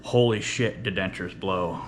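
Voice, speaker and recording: A man with a fairly low voice rambles through a casual workout vlog. He speaks with a lisp and whistling s, blunt and full of swearing. There is faint room noise behind him. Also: a little slow. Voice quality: lisp with whistling s, from missing top teeth. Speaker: workout vlogger. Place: indoor home workout space with running fridge.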